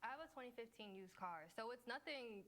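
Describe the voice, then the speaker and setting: Brief: higher-voiced woman, calm plaintiff, audience murmur behind in a TV courtroom. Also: brisk, crowd noise. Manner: calm, matter-of-fact.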